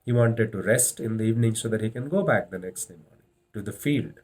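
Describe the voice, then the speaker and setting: A man's voice: on the low side, expressive, darkish tone. Indian-accented man giving a motivational lecture. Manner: deliberate, repeats phrases for emphasis. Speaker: leadership trainer.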